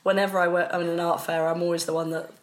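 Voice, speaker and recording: A woman artist, the guest, explaining her work in an articulate, lively way. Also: fairly low pitch, rapid-fire. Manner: articulate, lively, laughs between phrases. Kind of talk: casual interview chat.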